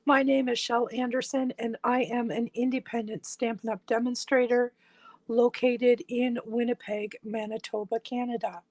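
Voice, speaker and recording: An independent stamping demonstrator who is losing her voice chats with viewers at her craft table, giving a step-by-step tutorial while working with her hands. Her voice is fairly high and darkish, with little pitch movement, at normal speed and without echo.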